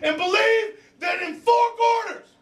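A middle-aged man, a football coach, shouting a pregame pep speech with emphatic, repetitive phrasing. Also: very high voice, a little slow. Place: indoor locker room with team. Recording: echoey locker room, distant camera mic.

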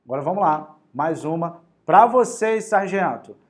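A man with a Carioca accent teaching an energetic online exam-prep math lesson in a lively, slangy, motivational way. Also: on the high side, measured pace. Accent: Carioca Brazilian Portuguese.

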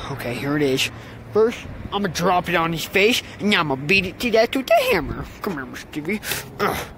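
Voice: medium pitch, sing-song, quick pace, a bit bright, a little hiss or hum. A performer voicing a whiny, mischievous kid who frets and panics easily. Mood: grumbling. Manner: whiny, fretful. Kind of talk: fan puppet video acting.

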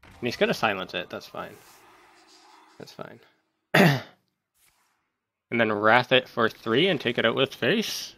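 A man giving casual gameplay commentary, thinking aloud as he plays and breaking into sudden excited outbursts. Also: mid-range voice, measured pace, long pauses. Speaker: gaming YouTuber.

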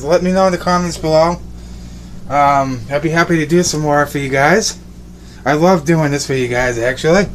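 A young man with a fairly high voice records a relaxed cooking vlog on a phone held at arm's length, rambling cheerfully and repeating himself. The setting is a small indoor home kitchen and bedroom, with slight background noise.

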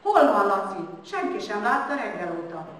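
A woman's voice: medium pitch, sing-song, fairly bright tone. A woman voicing an anxious male village schoolteacher, recorded from a distance in an echoey hall. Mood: fretful. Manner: fretful, worried. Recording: echoey hall, distant mic, faint noise.

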